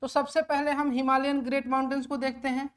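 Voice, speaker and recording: A woman with a high voice and level tone speaks fast in a classroom lecture. She poses questions to her students, answers them herself, and mixes English terms into her explanations.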